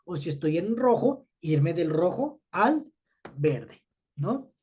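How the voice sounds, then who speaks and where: Man explaining calmly, mellow tone. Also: on the high side, takes it slowly, husky, lo-fi sound. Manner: explains step by step, checks in with "¿va?". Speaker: teacher. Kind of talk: educational talk to students.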